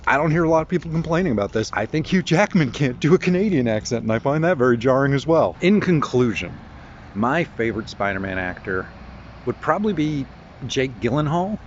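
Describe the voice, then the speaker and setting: A man's voice: a little high, animated, brisk, muffled recording, slight background noise. A man rambling bluntly through a casual vlog monologue on a morning walk with his dog outdoors. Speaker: vlogger.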